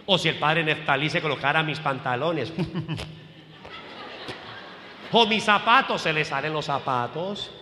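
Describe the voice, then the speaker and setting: Male priest preaching; high, sharp, forceful voice, animated and joking with the congregation, in an echoey church. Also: takes it slowly, long pauses, slight background noise. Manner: animated preaching, questions to the congregation, humorous asides. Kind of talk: sermon. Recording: echoey hall.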